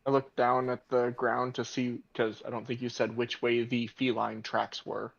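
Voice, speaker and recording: A man's voice: mid-range voice, level tone, normal speed, vocal fry. A man playing a tabletop game, speaking matter-of-factly in short turns. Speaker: player. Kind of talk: casual tabletop role-play chat. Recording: dull lo-fi mic.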